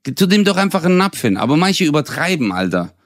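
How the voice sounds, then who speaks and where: Brief: young adult male podcast co-host, animated mocking storyteller with a lively, swooping voice. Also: on the high side, fast talker, dry recording, studio quality. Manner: animated, ranting, mocking, laughs often, slangy. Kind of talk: comedic casual storytelling.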